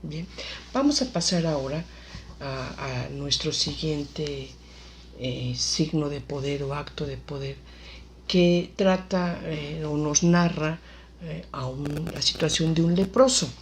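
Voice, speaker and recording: Low-voiced woman reading bible passages, slow with lots of ums, faint hiss. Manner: reads scripture aloud slowly, with fillers and self-corrections. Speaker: Bible course teacher. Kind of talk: Bible lesson with scripture reading.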